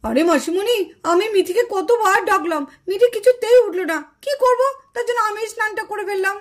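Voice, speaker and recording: A woman's voice: very high-pitched, brisk. A woman voicing a cheerful young boy doll in a puppet cartoon, chirpy and boastful.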